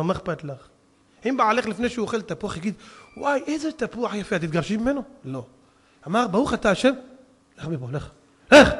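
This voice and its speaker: A man delivers a storytelling sermon in a high, ringing voice. He keeps firing rhetorical questions and swings from near-hushed asides to loud, forceful peaks. A long reverb from a large hall follows his words. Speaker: rabbi.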